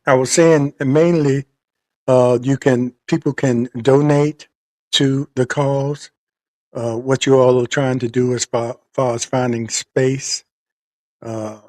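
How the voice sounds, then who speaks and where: A male host heard over a remote call line that keeps breaking up and dropping out. He talks haltingly, stopping and restarting his sentences and filling gaps with hesitations. His voice sits at an ordinary pitch, and the sound is dry, with no room echo. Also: a little mellow. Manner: halting, many fillers and restarts. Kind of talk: interviewing a guest over a call.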